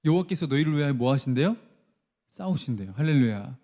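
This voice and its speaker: Guy pastor preaching, bouncy voice, pitch up and down a lot, kinda high. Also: moderate pace. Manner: acts out the people's complaints in lively voices; leads the congregation in reading verses aloud. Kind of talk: sermon.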